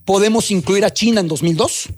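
High-voiced man lecturing on sport. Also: brisk, faint music behind. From Mexico. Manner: lecturing, reels off facts and lists. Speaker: sports panelist. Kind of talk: sports panel debate.

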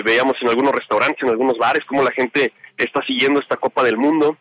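Bright-voiced man on a live street report. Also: medium pitch, dry recording, rough recording. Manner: relaxed, rambling with many fillers. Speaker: field sports reporter. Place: outdoors on a city street.

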